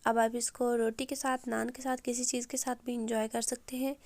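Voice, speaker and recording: Woman cooking-show host, hoarse from a sore throat, calm step-by-step narration with a flat tone. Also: a little high, no room sound. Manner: calm, step-by-step with frequent "uh" pauses. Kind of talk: recipe voice-over.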